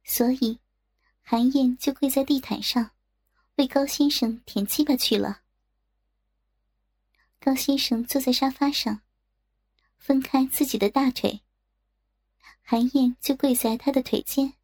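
A woman narrating an erotic story in a soft, slow, intimate reading voice. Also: sits high. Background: faint music.

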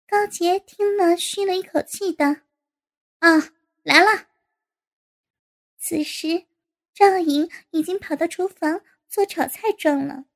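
Woman narrator, very high voice, steady storybook reading. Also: unhurried.

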